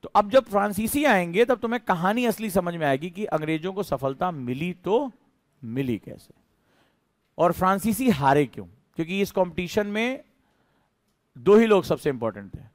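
A man's voice: sits high, animated, moderate pace, no echo. A man teaching a history class in a conversational lecture style, asking his students questions as he explains.

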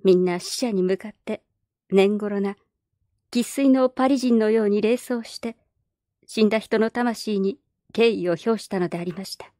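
A woman narrating a classic novel aloud in a calm, measured storybook reading. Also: medium pitch, dry recording, studio quality.

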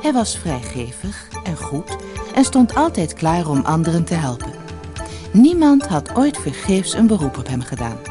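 Woman storyteller, lower pitch, lively melodic delivery, mellow, faint music bed. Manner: expressive, measured storytelling. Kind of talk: scripted narration of a fairy tale.

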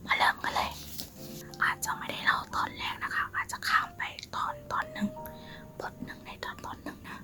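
A woman narrating a story in a soft, spa-like ASMR whisper, in a slow, halting way. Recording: music behind the whisper. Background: music.

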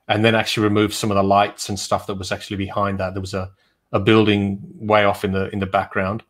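A man, a photographer, chatting casually on a livestream over a video call and telling shoot stories in a relaxed way with many fillers. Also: on the low side. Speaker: photographer guest.

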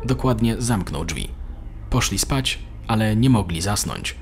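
A man narrating an animated story in a steady, measured manner. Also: on the low side, slight background noise. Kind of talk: scripted narration.

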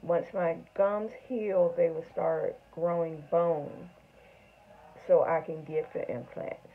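A middle-aged woman speaking without her front teeth, chatting haltingly to camera in a casual video diary. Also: deep voice, steady tone. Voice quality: toothless speech, front teeth missing. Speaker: vlogger. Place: small home room, indoors. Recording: tinny, phone-like narrow sound.

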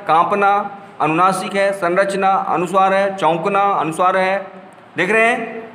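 A man teaching a school grammar lesson, spelling out letters slowly one by one and explaining with rhetorical questions. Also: high-pitched, a bit bright, reverberant, long reverb tail, slight background noise.

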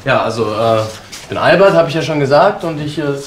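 A man's voice: on the high side, lively intonation, fairly quick, a little hiss or hum, close to an everyday voice. An actor playing a polite, nervous student in his twenties, speaking hesitantly in a naturalistic short film. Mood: nervous, eager. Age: 20s. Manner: hesitant, nervous, chuckling filler speech. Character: polite, awkward, eager young male student flat-hunter. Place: indoor living room.

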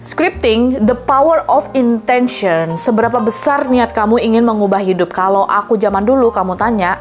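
A woman's voice: on the high side, normal speed, soft background music. A young woman coaching viewers in a casual Q&A monologue, chatty and encouraging, dropping English phrases into her talk. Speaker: manifestation coach.

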